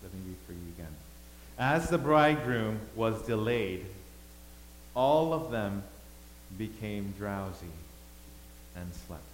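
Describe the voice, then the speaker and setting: A man who grew up in Thailand, preaching a sermon as pastor, swinging between loud emphasis and quiet asides. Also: fairly low pitch, lively intonation, slow, long pauses. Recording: echoey hall, faint hum.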